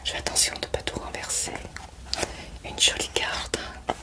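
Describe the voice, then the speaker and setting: A woman whispering a gentle unboxing in whispered role-play, halting with many fillers as she gushes over a gift box. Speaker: ASMR creator.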